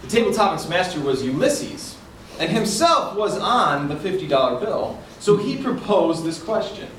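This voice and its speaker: A man giving a tall tale speech in a theatrical storytelling manner with deliberate dramatic pauses, recorded indoors. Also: high voice, sing-song, a bit bright. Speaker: contestant in a club speech contest. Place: indoor room before an audience. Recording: echoey room, far from mic, noisy.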